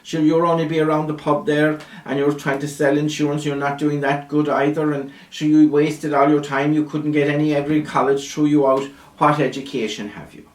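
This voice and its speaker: A man's voice: fairly high pitch, flat delivery, brisk, hardly any pauses, close to an everyday voice. An Irish man playing an anxious, pleading mother in a folk tale, lilting and plaintive. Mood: scolding. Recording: roomy, echoing sound.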